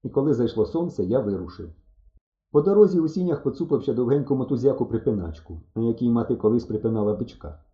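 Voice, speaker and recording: A man reading a children's adventure story aloud with animated, boyish expression. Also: medium pitch, fast talker. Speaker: audiobook narrator. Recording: dull, roomy lo-fi recording.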